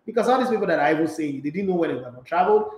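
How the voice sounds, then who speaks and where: Rapid-fire and fairly high in pitch, a middle-aged Nigerian sports radio host reads out viewer comments on his live talk show, emphatic and animated, with pidgin woven into his English. He's on a studio mic with headphones in a small studio with an echoey sound.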